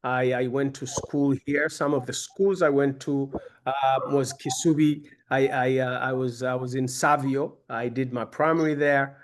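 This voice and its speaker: A man's voice: medium pitch, fairly even intonation, unhurried, few pauses. A man in his fifties from Uganda, giving a conversational, self-deprecating personal talk to young people as a guest speaker. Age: 50s.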